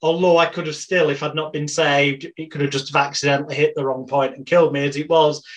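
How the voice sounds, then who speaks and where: A man's voice: on the high side, little pitch movement, fast. A British man in his forties, a podcast guest telling life stories in a rambling, wry, anecdotal way. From Britain. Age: 40s. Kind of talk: casual storytelling interview.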